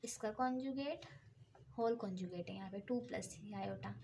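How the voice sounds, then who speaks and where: A woman's voice: medium pitch, moderate pace, a little mellow. A woman math teacher giving a blackboard lecture, working each step aloud and asking herself questions as she goes. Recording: faint background noise.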